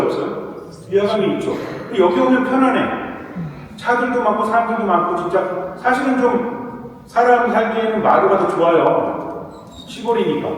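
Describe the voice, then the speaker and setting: Priest, male, Korean, question-and-answer sermon cadence, higher voice, far off in a reverberant hall. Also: slight background noise. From South Korea. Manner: asks the audience questions, then answers them himself. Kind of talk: sermon-style lecture. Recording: echoey hall recorded from far off.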